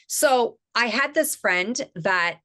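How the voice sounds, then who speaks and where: A woman's voice: on the high side, animated, takes it slowly, sharp tone. A middle-aged woman, an image consultant, speaking as a guest in an enthusiastic, emphatic, storytelling manner. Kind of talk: casual interview chat.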